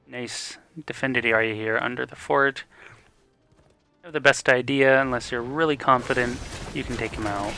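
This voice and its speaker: A young man casting a live esports match with the hiccups, calling plays quickly and getting excited during fights. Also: medium pitch, clean tone. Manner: rapid excited play-by-play that rises in fights. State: has the hiccups. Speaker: esports caster.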